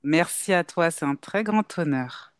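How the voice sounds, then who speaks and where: A woman's voice: lowish voice, animated, measured pace, no echo, clean studio sound. A woman hosting a podcast, welcoming her guest formally and asking questions in turn. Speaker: podcast host. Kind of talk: interview hosting.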